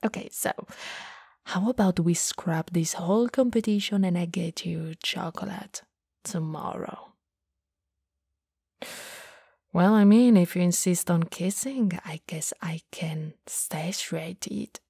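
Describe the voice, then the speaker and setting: In a romantic ASMR roleplay, a woman plays a playful, teasing goth older sister in a mood of playful bargaining. Her low, dark, husky voice is soft and breathy, unhurried, heavily acted, and often drifts into whispers. She is very close to a dry studio mic, making the recording intimate.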